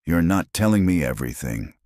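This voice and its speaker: A man's voice: low voice, sing-song, brisk, dark tone, no room sound, clean studio sound. A man voicing a stern female lead agent who gives clipped commands.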